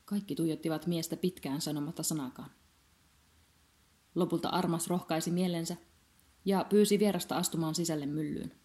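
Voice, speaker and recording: A woman calmly reading a children's story aloud at an even pace. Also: low voice, pauses often. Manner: calm, even-paced reading. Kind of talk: scripted narration of a children's story.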